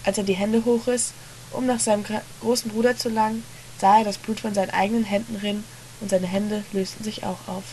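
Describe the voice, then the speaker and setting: A woman reading a story aloud in a hushed, dramatic narration. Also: mid-range voice, level tone, fairly quick, slight background noise. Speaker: reader.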